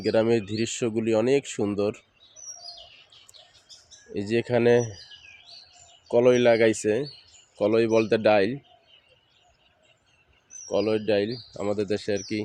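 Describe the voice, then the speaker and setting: Man, Barisal accent, low voice, monotone, outdoor morning fields, casual village tour. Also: slow, pauses often. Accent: Barisal Bengali. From Barisal, Bangladesh. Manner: plain, explaining local words to viewers. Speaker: village video host. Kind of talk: casual walking tour narration.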